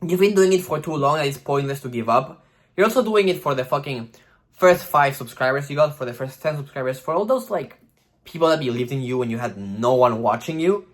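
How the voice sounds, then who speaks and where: Advice on starting a vlog channel comes from a young vlogger who's casual, animated, and freely profane, acting out the algorithm with silly voices. He talks fairly quickly in a mid-range voice.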